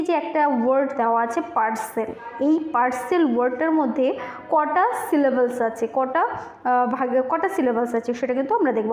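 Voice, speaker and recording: A woman's voice: high voice, a little mellow. A woman teacher going through exam multiple-choice questions step by step, asking questions and then answering them herself. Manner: explains step by step, asks and answers her own questions. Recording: echoey room.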